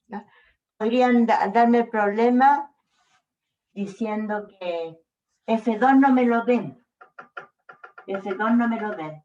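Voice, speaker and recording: Slow woman teaching physics. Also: mid-range voice, a little mellow. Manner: slow, checks in with frequent "¿ya?". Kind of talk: explaining a worked problem. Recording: echoey room, distant dull mic.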